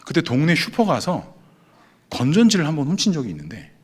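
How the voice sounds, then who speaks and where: A man's voice: a little high, huge pitch swings, fairly quick, a little mellow, husky. A male pastor giving a sermon testimony, acting out his own past prayers and thoughts as he tells the story.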